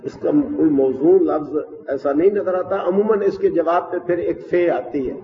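A man giving a methodical classroom lecture on Arabic grammar, explaining step by step with frequent pauses. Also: a little high. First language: Urdu. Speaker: teacher of Quranic Arabic grammar. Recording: distant, dull, roomy hall with faint hiss.

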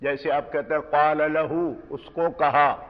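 A man teaching a word-by-word grammar lesson, measured and explanatory, slowing down to stress key words. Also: fairly high pitch, fairly even intonation. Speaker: Quran teacher. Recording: dull recording in a reverberant hall.

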